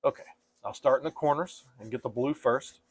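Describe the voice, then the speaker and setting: A man guides viewers through a painting step by step, casual, gentle and reassuring like an easygoing instructor. His mid-range voice moves briskly and carries a breathy edge.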